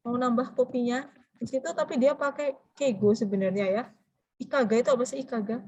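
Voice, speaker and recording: A woman teaching a language class, explaining phrases and quizzing her students with drawn-out prompting questions. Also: on the high side, fairly even intonation, a little mellow, dull audio, a little hiss or hum. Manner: switches between explaining and drilling phrases. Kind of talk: interactive classroom lecture.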